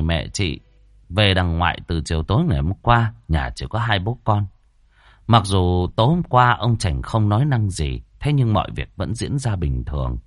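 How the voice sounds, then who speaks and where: Lively, low-voiced male ghost story narrator. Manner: dramatic, expressive storytelling.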